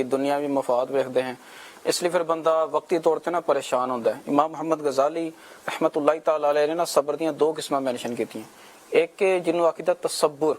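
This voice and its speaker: Male panelist, Punjabi accent, somewhat high voice, explanatory. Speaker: panelist on religious talk show. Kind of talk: religious talk show discussion.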